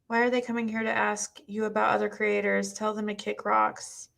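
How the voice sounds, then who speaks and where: A woman streamer with a squeaky voice chatting bluntly and rambling with her viewers, recorded on a cheap mic. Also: level tone, moderate pace, gravelly, a bit bright. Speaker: streamer reading chat. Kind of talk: casual live-stream commentary. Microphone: cheap twelve-dollar mic.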